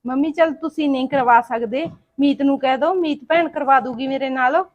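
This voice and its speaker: A woman acting out a hardworking young daughter-in-law who asks politely and pleads. Her voice is high. The sound is dull and lo-fi, like a home video. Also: brisk, close to an everyday voice. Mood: pleading. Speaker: daughter-in-law in a family short film. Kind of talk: amateur family drama acting.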